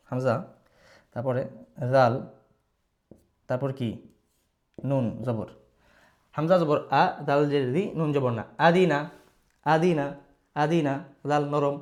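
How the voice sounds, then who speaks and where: A man teaching an online reading lesson, patiently spelling out syllables and repeating them, with English words mixed in. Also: on the high side. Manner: patient, repeats syllables slowly for students to follow; mixes English words into his talk.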